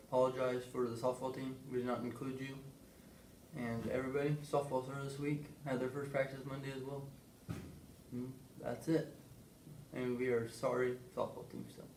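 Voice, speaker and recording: Young male presenter, monotone, casual, distant echoey recording. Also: medium pitch, normal speed. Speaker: sports presenter for a school show. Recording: echoey, distant, faint noise.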